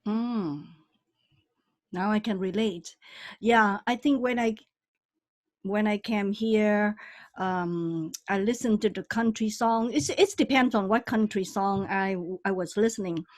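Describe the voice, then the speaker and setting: A woman hosting an interview podcast, enthusiastic and often halting mid-sentence. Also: medium pitch, no echo, studio quality. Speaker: podcast host.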